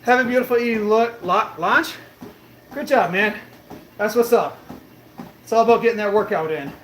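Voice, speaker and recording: High-pitched and a bit bright, moving at a moderate pace, this fitness livestreamer in his late thirties reads comments aloud as he walks a gym treadmill. He's boastful, brash, swears casually and sounds slightly out of breath, with the gym's echo and faint noise around him.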